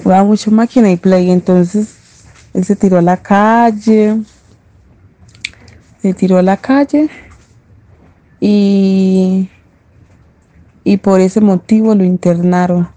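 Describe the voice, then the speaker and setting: A woman from Medellín with a Paisa Colombian accent, recalling her childhood in an unhurried, reflective personal testimony. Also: medium pitch, fairly even intonation, dark tone. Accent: Paisa Colombian Spanish. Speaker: interviewee, daughter of a domestic worker.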